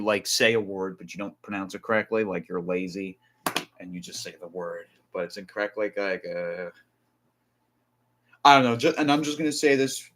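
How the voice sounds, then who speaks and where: A man's voice: fairly low pitch, a bit bright. Rambling man on a casual live stream. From New Jersey. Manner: rambling, with frequent restarts and asides. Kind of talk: casual live-stream commentary and reading aloud.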